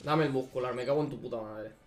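A young man streaming a gacha game, swearing freely and pleading with the game, swinging from mutters to shouts. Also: medium pitch, quick pace. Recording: echoey room with background music.

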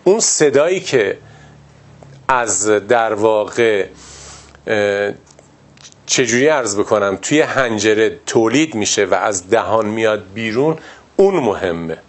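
An English teacher from Iran gives a classroom lesson on pronunciation, explaining step by step and repeating example words slowly. His pitch is lively.

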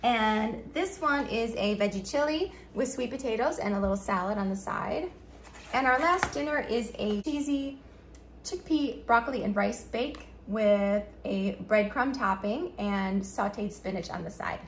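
A woman's voice: fairly high pitch, animated, a little slow. Middle-aged woman, cooking vlog host, friendly chatter, echoey kitchen, faint hum. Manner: friendly, chatty, explaining as she cooks. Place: home kitchen, indoors. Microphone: camera mic, framed from a few feet away.

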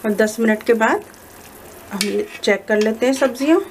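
A cooking channel host talks listeners through a recipe step by step in a voice-over from her home kitchen, where faint kitchen sounds linger. Her slightly high voice is calm and instructive, moving at an even, measured pace.

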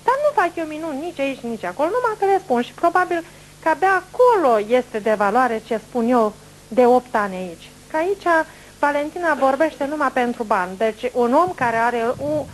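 A middle-aged woman with a fairly high voice tells a long, rambling story to a gathered group. Her speech is animated and folksy, full of regional words. The old home video carries a faint hum in the background. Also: rough recording. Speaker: clairvoyant speaking to a group. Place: indoor meeting room, standing before a seated group.

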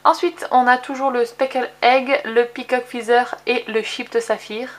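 A woman's voice: fairly high pitch, steady tone, a little slow. Chatty French-speaking woman demonstrating crafts. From France. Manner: chatty, with many fillers and self-corrections; jokes about her own English accent. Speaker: craft video host. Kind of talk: casual craft tutorial.

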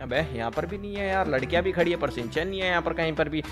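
A young man doing role-play commentary over his game, talking fast and emotionally to his viewers. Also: a little high, animated, music in the background. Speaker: gaming video creator.

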